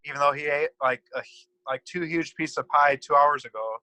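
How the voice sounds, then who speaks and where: A man's voice: fairly high pitch, a little fast, sharp tone, no echo, low-quality recording. A man as an interview guest, telling a personal story in a rambling way with many "so anyways" and "um" fillers.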